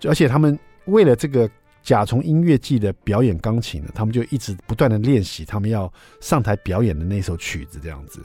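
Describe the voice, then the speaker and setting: A man's voice: on the low side, a little fast, breathy edge, soft background music. A middle-aged man, hosting a radio show and telling a story in a chatty way. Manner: chatty, acts out dialogue with lively voices. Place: radio studio.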